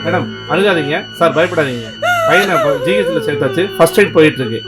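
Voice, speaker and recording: An actor in a short film playing a brisk, stern police sub-inspector who speaks officially and reproaches a careless father. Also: fairly high pitch, wildly swooping pitch. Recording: film audio with loud music.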